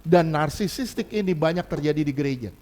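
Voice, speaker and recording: High-voiced preacher man, animated delivery. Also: fairly quick. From Indonesia. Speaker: pastor. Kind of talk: sermon.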